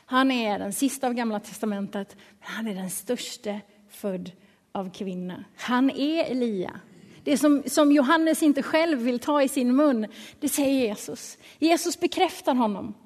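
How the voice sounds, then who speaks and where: A woman preaching a sermon in a lively, colloquial way, dropping now and then to a soft hush. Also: fairly high pitch. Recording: long reverb of a large hall.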